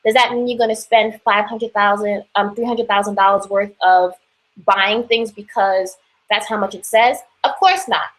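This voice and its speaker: A woman's voice: medium pitch, steady tone, moderate pace, a bit bright, low-quality recording. A young woman with a New York accent giving casual personal finance advice, chatty with lots of fillers and restarts.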